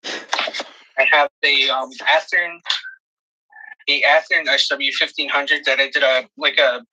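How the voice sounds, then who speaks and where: A man's voice: medium pitch, steady tone, slow, sharp tone, breathy edge, poor audio. A man from Chicago on a casual video call, listing things with hesitant fillers.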